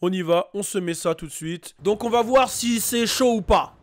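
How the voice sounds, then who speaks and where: A man hosting a YouTube reaction video, talking casually and excitedly to his viewers with lots of fillers. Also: high-pitched, normal speed. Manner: excitable, hyped, chatty with many fillers.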